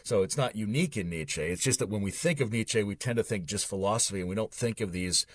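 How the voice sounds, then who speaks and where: A man's voice: lowish voice, fast, no room sound. A man, a guest author on a podcast, explaining philosophical ideas in a fluent, lecture-like way. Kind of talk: philosophical conversation.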